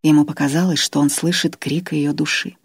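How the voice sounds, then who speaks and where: A woman reading an audiobook in steady, measured narration. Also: deep voice, husky, dry recording, studio quality. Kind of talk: scripted narration.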